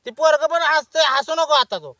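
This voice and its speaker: Whiny guy on a comedy call, super high sharp voice, dry sound. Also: normal speed, no echo. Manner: whiny, complaining, loud outbursts. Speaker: caller. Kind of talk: comedy phone sketch.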